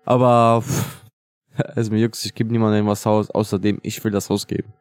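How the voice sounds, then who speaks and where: A man with southern Italian roots in relaxed podcast chat, making cheeky jokes with his co-hosts. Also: fairly low pitch, moderate pace, dry recording. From southern Italy. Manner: joking, cheeky banter. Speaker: podcast co-host.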